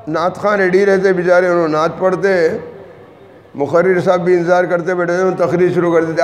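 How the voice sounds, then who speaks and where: High-voiced man teaching in an echoey hall. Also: a little hiss or hum. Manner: instructive, correcting and demonstrating. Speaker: Quran recitation teacher. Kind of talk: recitation lesson with corrections. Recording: echoey hall with faint ambience.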